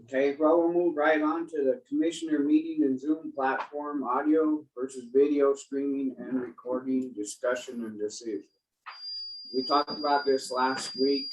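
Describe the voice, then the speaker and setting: A man chairing a county commission meeting, moving briskly through procedural business. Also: mid-range voice, steady tone, slight background noise. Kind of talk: public meeting discussion. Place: meeting room. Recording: roomy sound from a distance.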